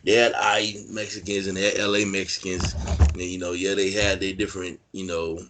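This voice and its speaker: Man, californian accent, very low voice, rambling, filler-heavy, casual interview storytelling. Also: flat delivery, fairly quick, noisy background. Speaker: interview guest, former prisoner.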